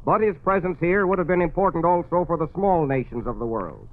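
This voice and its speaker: A male news commentator giving formal, measured radio commentary in a solemn tone, heard as an old 1940s broadcast. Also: fairly high pitch, animated, narrow, tinny audio.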